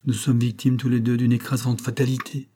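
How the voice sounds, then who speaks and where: A man voicing a grieving young woman who speaks in a trembling, halting way. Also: medium pitch, flat delivery, mellow, breathy edge, close to an everyday voice.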